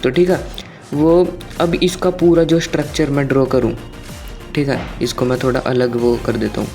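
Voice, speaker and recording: A man's voice: medium pitch, steady tone, moderate pace, creaky, a little mellow, soft background music. Man teaching chart reading, repetitive. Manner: conversational, asks viewers questions, repeats phrases. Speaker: trading teacher. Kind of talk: screen-share chart lecture.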